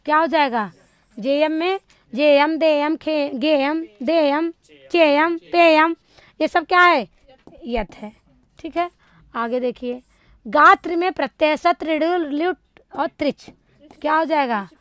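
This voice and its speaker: A woman's voice: sits high, measured pace, long pauses, fairly bright tone, dry recording. A woman teaching Sanskrit, going through a past exam paper. She reads out each question and its options, asks the class what the answer is, and then answers it herself. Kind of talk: exam-prep lecture solving past papers.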